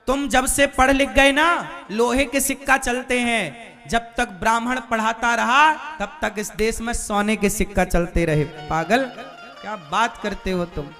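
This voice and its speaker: A man's voice: very high-pitched, bright, forceful tone. A man preaching to a live audience, asking rhetorical questions and quizzing the crowd. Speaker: religious preacher.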